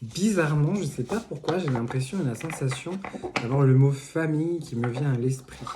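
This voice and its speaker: His voice sits a little high and moves at an ordinary pace as he reads the cards casually. The man rambles along with plenty of fillers, digressions and jokes. Clicks and noise mark this home recording of a spoken tarot reading.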